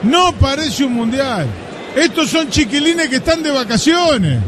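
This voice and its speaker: Male Uruguayan radio pundit, very high pitch, impassioned and emphatic, noisy crowd behind. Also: lively intonation, a little slow, over music. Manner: emphatic, repeats phrases for effect. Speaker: football pundit. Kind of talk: impassioned live radio match analysis. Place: live match broadcast, crowd behind.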